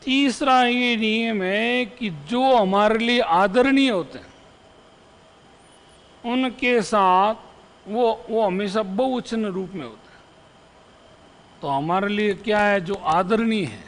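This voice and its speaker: Guy teaching grammar slowly, keeps going "है ना?", pretty high voice, echoey room. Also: fairly bright tone. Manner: repeats example phrases and checks in with "है ना?"; poses questions to the students. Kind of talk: exam-prep grammar lesson.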